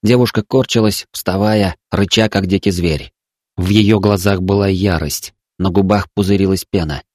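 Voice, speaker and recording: A man reading a story aloud in an even storytelling manner. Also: low-pitched, moderate pace, no echo, studio quality. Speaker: narrator. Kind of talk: audiobook reading.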